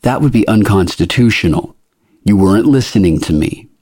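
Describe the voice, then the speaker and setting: A man voicing a skinny older male border interrogator with a squeaky, prim way of asking questions. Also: lively intonation, normal speed, dark tone, breathy edge, dry recording, studio quality. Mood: probing. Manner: prim, coolly persistent questioning.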